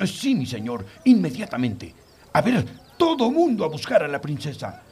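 Man playing a very husky palace servant. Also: a little high, huge pitch swings, normal speed, dark tone, heavily acted. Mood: flustered, deferential. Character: obedient, flustered palace servant. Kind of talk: children's audio story acting.

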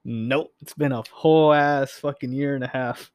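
A man's voice: medium pitch, fairly even intonation, normal speed, smooth, no echo, studio quality. A young man hosting a podcast, chatting loosely with lots of fillers and swearing. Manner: loose, profane, filler-heavy rambling. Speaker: podcast host. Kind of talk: casual chat.

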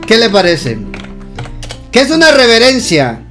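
High-voiced preacher guy, slow and fired up, faint guitar behind. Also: wildly swooping pitch. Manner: impassioned, swings between loud exclamations and slow emphatic phrases. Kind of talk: sermon.

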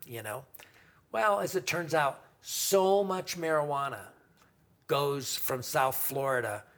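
A man's voice: medium pitch, pushed and bright. A man telling a long story in casual chat, rambling and full of fillers. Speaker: guest storyteller.

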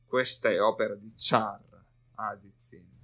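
A man voicing a gruff male warrior who growls and mocks, with faint music behind. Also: fairly low pitch, flat delivery, measured pace, a bit bright. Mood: mocking. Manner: growling, mocking.

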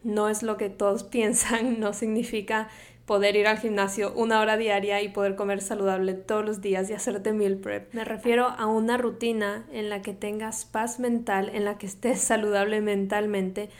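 This young woman from Quito hosts her own podcast as a health coach, talking alone in Ecuadorian Spanish. Her mid-range voice comes across flat at a moderate pace, though her manner stays chatty and upbeat, with frequent laughter and English words mixed in.

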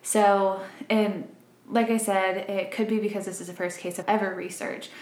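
This true crime podcast co-host is a woman in her twenties who comes from Arkansas and grew up in Missouri. Her mid-range, darkish voice keeps a fairly even intonation at a moderate pace, and she chats casually and laughs readily. The room gives the sound a noticeable echo.

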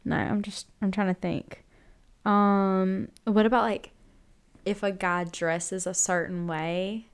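A woman's voice: mid-range voice, level tone, slow pace, smooth. A young woman in casual podcast chat, giggly and loose, packing her sentences with "like" and trailing off as she thinks. She keeps an everyday, mid-range voice. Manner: giggly, filler-heavy, lots of "like". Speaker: podcast co-host.

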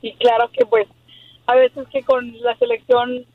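A woman calling in to a sports radio show, hoarse from yelling, chatting casually as a fan. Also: a little high, animated, unhurried, no echo. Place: on a phone call to a radio show. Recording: dull band-limited phone line, music behind.

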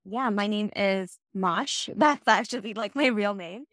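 A woman's voice: mid-range voice, measured pace, fairly bright tone, no echo, clean studio sound. A young woman from Bangladesh, a guest on a casual podcast interview, talking in an upbeat, chatty way with plenty of "like" and "you know" fillers.

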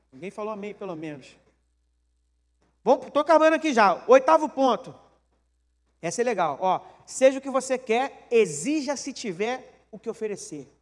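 A pastor with a Brazilian Portuguese accent delivers an animated, joking sermon packed with questions for the congregation. His voice is very high, and a long reverb tail follows it.

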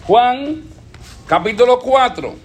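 Man, sermon, very high pitch, call-and-response questions, repeats himself, echoey sanctuary. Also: lively intonation, takes it slowly. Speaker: pastor. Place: church sanctuary. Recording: echoey church room.

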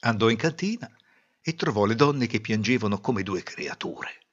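A man narrating a folk tale in a lively, theatrical way. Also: fairly low pitch, normal speed. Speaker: storyteller. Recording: dull lo-fi recording.

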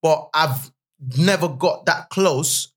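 A man's voice: on the high side, takes it slowly, fairly bright tone, husky. A man with a London accent co-hosting a podcast, chatting casually in slang with frequent checking tags. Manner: repeats tags like "you know what I mean". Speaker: podcast co-host.

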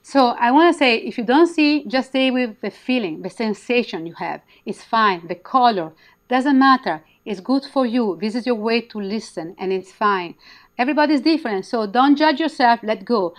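A woman with non-native English phrasing, gently and reassuringly explaining and leading a guided meditation in a smooth, clear voice. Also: fairly high pitch, lively intonation, normal speed. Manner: gentle, reassuring, simple encouragement. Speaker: spiritual healer, guest leading a guided activation.

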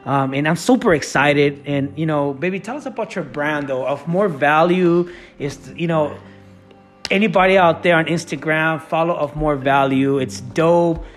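A man co-hosting a casual talk with his wife about faith and marriage, halting with many fillers and restarts. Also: on the high side, soft background music. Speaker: podcast co-host.

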